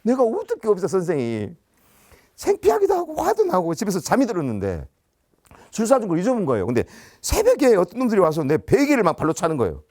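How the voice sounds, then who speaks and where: Man, teacher, storytelling lecture, animated, acts out dialogue, fairly high voice, dry sound. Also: fast talker, no echo. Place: business center lecture.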